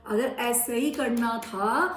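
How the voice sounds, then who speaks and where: A woman's voice: on the high side, slow, a bit bright, roomy sound, recorded from a distance. A woman voicing an anxious young man who complains and pleads in a children's story. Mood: glum.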